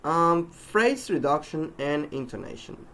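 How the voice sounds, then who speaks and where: Gravelly man with a lively teaching voice. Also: a little high, poor audio. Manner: deliberate, demonstrates sounds slowly with example words. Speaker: pronunciation teacher. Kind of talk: recorded English pronunciation lesson.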